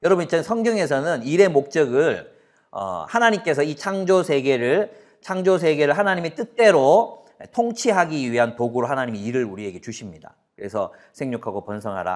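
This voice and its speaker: A man in his forties preaching a sermon as a pastor, asking the audience questions and acting out everyday quarrels. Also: mid-range voice. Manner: animated, asks the audience questions, acts out quarrels.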